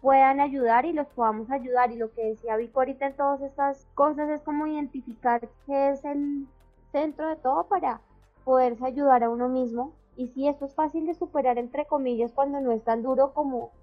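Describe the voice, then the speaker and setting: A woman speaking reflectively in a casual chat, in short halting phrases. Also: sits high, fairly even intonation, soft background music. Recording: dull, slightly lo-fi audio.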